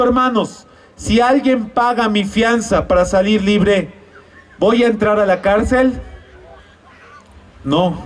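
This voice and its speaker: A man's voice: extremely high pitch, recorded from a distance. A man preaching an evangelistic sermon in a church, posing rhetorical questions and calling his listeners brothers and sisters.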